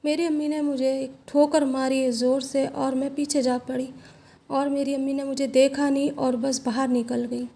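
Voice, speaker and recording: A woman telling a first-person story in a steady, even storytelling delivery. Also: high-pitched.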